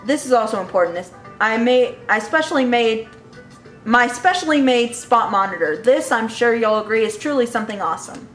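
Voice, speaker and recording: A woman's voice: fairly high pitch, animated, fairly quick, fairly bright tone, echoey room, soft background music. A woman voicing a boastful male inventor, reading game text aloud in a showman tone and now and then stumbling over words.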